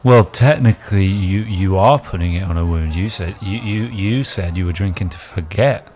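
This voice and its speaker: A man's voice: sits low, normal speed, a little mellow, a little hiss or hum. A man playing a tabletop game, joking and rambling with stammered restarts. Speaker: player. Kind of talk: casual tabletop play.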